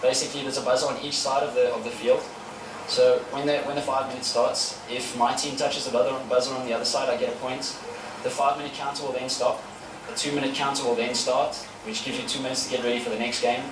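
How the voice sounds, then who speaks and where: Speaking quickly in a level, mid-range tone, this paintball player in his 30s chats through an outdoor interview with plenty of fillers and false starts. The casual answers come through an echoey, noisy recording captured at a distance from the mic.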